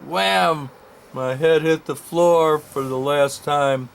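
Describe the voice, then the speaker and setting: A man's voice: on the high side, fairly even intonation, slow, clean tone. A man telling a first-person story, rambling and correcting himself with comic asides.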